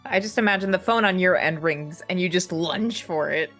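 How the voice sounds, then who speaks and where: A woman's voice: fairly low pitch, normal speed, a bit bright, faint music behind. A woman acting as game master, bantering casually and setting improvised scenes for players.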